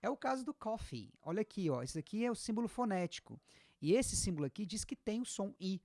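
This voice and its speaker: A woman with a Brazilian accent giving a casual online English lesson, explaining patiently and repeating example words slowly. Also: medium pitch, very animated, mellow, dry recording. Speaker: English teacher.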